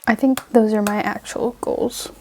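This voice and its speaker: A woman's voice: medium pitch, steady tone, a little slow, creaky, slight background noise. A young woman vlogger in casual talk, thinking aloud as she plans and types at her computer. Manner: chatty, thinking aloud while typing. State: out of breath. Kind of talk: casual planning vlog with screen recording.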